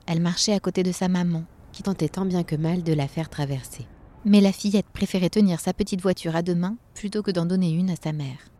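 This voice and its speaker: A woman reads a children's Christmas story aloud, gentle and expressive. Her voice sits low and sounds dark and mellow, warm for bedtime listening. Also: fairly quick. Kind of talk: storybook narration.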